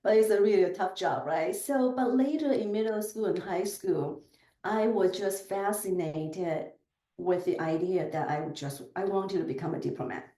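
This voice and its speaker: Speaking English with a Chinese accent, a southern Chinese woman in her forties, whose first language is a Chinese dialect, appears as a podcast guest in a relaxed interview. Her mid-range voice is mellow and reverberant at a moderate pace. She comes across as reflective, with frequent fillers and self-corrections.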